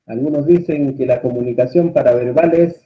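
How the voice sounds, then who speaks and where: A man instructing a course, lecturing and often putting questions to his students in a calm teaching tone. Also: medium pitch, brisk. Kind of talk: online class lecture. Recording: muffled, lo-fi audio.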